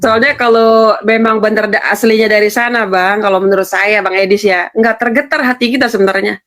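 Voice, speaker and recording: A woman's voice: mid-range voice, steady tone, fairly quick, fairly bright tone. A woman giving an earnest personal testimony in an interview, often addressing the host directly.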